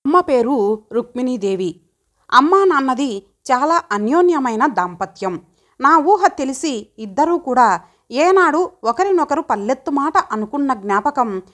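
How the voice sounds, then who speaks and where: A woman narrating an audiobook story in an expressive storytelling manner. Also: high voice.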